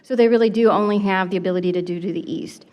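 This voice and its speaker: A woman's voice: medium pitch, fast talker, muffled recording. A woman, the city's community development director, explaining a planning item to the council with occasional restarts. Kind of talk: presenting a staff report. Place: council chamber.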